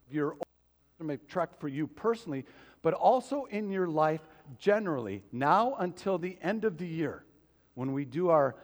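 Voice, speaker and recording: A man preaching a sermon as pastor, talking to the congregation in a loose, conversational way with frequent asides. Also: a little high. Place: church sanctuary. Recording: long reverb of a church hall.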